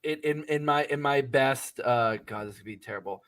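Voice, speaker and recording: A man's voice: medium pitch, normal speed, fairly bright tone. A man co-hosting a soccer podcast in casual chat, often stumbling and restarting his sentences and laughing. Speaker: podcast co-host.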